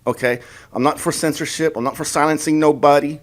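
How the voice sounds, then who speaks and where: Guy ranting into his camera, sarcastic and worked up, keeps restarting sentences, kinda high voice. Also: fairly even intonation, a little fast. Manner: heated and sarcastic, mocking voices of opponents; repeats words and restarts often. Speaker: political vlogger. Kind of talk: ranting opinion vlog.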